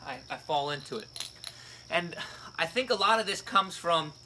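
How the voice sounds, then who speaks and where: A man coaching a fitness technique in a casual lesson, explaining step by step and often checking in with the viewer. His voice sits high and sounds bright. Faint insect noise from outdoors runs behind him. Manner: explains step by step, frequent "right?" and "okay?". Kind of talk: casual instructional video.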